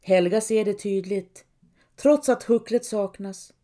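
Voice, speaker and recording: A woman reading a dark folk tale aloud as narrator, in a measured, dramatic way. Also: mid-range voice. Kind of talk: scripted storytelling narration.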